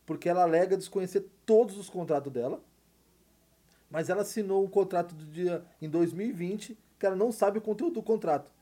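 A Brazilian man rambles through a casual opinion monologue, piling up fillers and rhetorical questions. His voice sits a bit high for a man, with a warm, mellow tone. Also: a little fast. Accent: Brazilian Portuguese. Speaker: podcast host.

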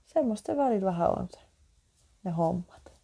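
A woman's voice: medium pitch, lively intonation, gravelly, warm tone, husky. A woman co-hosting a podcast, chatting casually on a porch, laughing often and trailing off mid-sentence. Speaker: podcast co-host. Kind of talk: casual chat. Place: outdoor porch.

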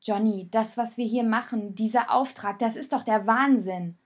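A woman voicing an anxious, defensive young boy in a storybook reading, raised and agitated, with a breathy voice. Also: a little high, normal speed, natural voice. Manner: agitated, protesting.

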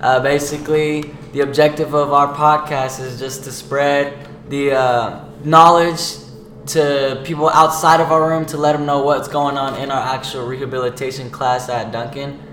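A man's voice: mid-range voice, little pitch movement, moderate pace, fairly bright tone. A seventeen-year-old young man co-hosting a student podcast, explaining things in a casual, slangy way. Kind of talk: casual chat. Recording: echoey room with faint noise.

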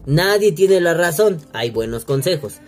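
A man's voice: fairly high pitch, lively intonation, a little slow, faint music behind. A man with a Mexican accent hosting a vaping podcast, talking in a crude, slangy, mocking rant and acting out the voices he quotes. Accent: Mexican Spanish. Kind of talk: profane casual rant. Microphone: single home recording setup.

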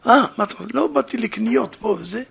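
A man's voice: very high voice, animated, vocal fry, a bit bright, breathy edge, voice pushed up, exaggerated voice. A man voicing a hesitant friend breaking bad news. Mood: awkward.

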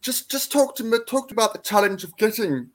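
A man interviewing a guest, prompting him with halting, restarting questions. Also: sits high, animated. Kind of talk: conversational interview.

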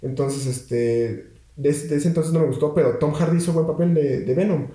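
A man's voice: a little high, moderate pace, dark tone, reverberant. A young man, chatting casually as a podcast co-host and rambling with many restarts and fillers. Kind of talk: casual chat.

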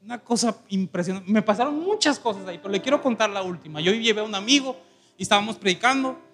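A man's voice: sits high, quick pace. A man pastor, telling a story in a sermon and acting out the voices in it, laughing as he goes. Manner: animated, acts out quoted voices, laughs while telling.

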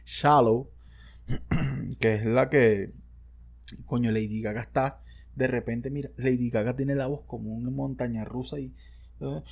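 A man's voice: medium pitch, steady tone, a little slow, gravelly, long pauses, darkish tone, husky. A man with a Venezuelan accent, hosting a casual solo podcast into a studio microphone, rambling and slangy with self-joking asides. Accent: Venezuelan Spanish. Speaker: podcast host.

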